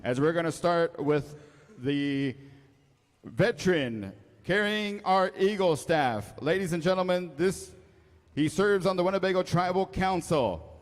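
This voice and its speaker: A man working as a powwow emcee, announcing ceremonially to a live gathering, with drawn-out introductions and calls to the crowd. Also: sits high. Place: large echoey indoor school venue. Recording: echoey hall PA with music.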